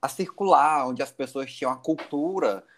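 A man co-hosting a podcast, explaining things in a measured casual chat. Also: medium pitch, a bit bright. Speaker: podcast co-host.

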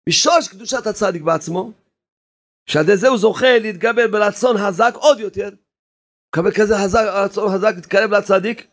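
A man preaches with rising fervor, repeating his points again and again and urging his listeners on. His voice sits high for a man, and he breaks into shouts at the peaks. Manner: impassioned, repetitive exhortation, sometimes shouting. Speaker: rabbi. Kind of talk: sermon.

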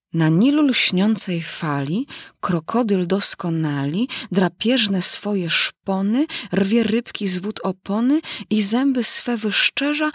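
Casting: a woman as a fretful little storybook girl, husky voice, sighing and wondering aloud. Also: mid-range voice, no room sound, studio quality. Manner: wondering aloud, dramatic sighs. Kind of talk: storybook reading.

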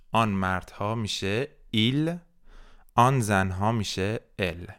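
Smooth-voiced man teaching French slowly. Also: on the low side, fairly bright tone. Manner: slow, drilled repetition of French words for the listener. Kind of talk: podcast language lesson.

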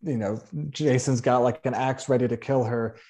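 A man with a warm, mellow voice in relaxed podcast chat. He agrees readily, laughs along, and teases his co-hosts with trivia. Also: mid-range voice, normal speed. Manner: chuckling, agreeable, teasing quiz-style. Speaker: podcast co-host. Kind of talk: casual movie review chat.

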